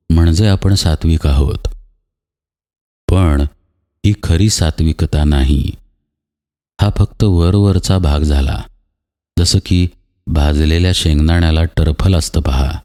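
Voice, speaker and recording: Man, spiritual teacher; very low, dark voice; patient, example-driven discourse in a reverberant hall. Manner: patient explaining with everyday examples and rhetorical questions.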